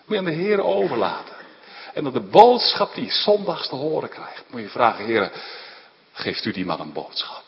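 Male preacher, lively pitch, long church reverb. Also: highs cut off, slight background noise. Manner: retelling scripture with emphatic rises, frequent tag "hè". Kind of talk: sermon.

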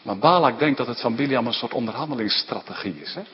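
A man preaching a sermon, explaining scripture in an emphatic, animated way with frequent rhetorical asides. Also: mid-range voice, quick pace, a little hiss or hum. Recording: dull sound in a large reverberant hall.

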